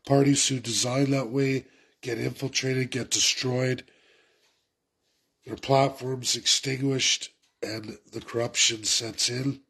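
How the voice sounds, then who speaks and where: A political commentator, sounding congested from a head cold, addresses his viewers in an urgent, repetitive rant to camera. His medium-pitched voice is creaky, slightly rough, and fairly bright.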